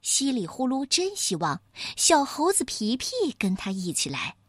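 A woman narrating a children's storybook in a slow, expressive storytelling manner. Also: on the high side, breathy edge, no echo, studio quality.

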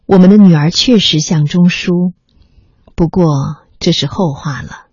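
Measured storyteller reading a memoir, husky tone, close and dry, faint music bed. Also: mid-range voice, darkish tone, no echo. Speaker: narrator. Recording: slightly muffled recording with faint music.

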